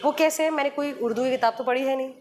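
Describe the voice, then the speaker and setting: A woman's voice: sits high, very fast, a little mellow, faint music behind. A woman radio jockey being interviewed, explaining patiently with examples and slipping in English phrases. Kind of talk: podcast interview conversation.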